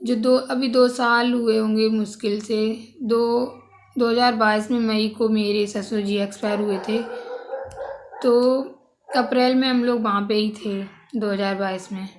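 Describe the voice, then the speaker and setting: A woman's voice: on the high side, steady tone, unhurried, slight background noise. A young woman vlogger earnestly recounting a personal family story, close to tears at times.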